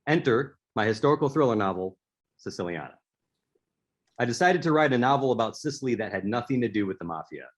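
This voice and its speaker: Man, author talk, husky, storytelling delivery, occasional restarts. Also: mid-range voice, animated, fast. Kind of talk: prepared speaker-series presentation.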